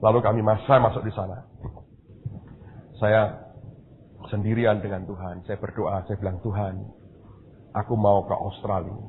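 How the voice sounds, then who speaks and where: A man's voice: fairly low pitch, level tone, moderate pace, long pauses. A middle-aged man from Indonesia, a pastor telling a story in a sermon and speaking straight to his congregation. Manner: storytelling, addresses the congregation directly. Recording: tinny phone-like sound with faint noise.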